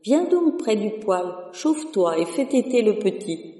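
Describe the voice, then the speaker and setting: A reader voicing a gentle old cobbler. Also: medium pitch, big pitch swings, measured pace, far from the mic. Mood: kindly. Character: kind old widowed cobbler, gentle and devout. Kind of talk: storybook reading. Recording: echoey room with long reverb.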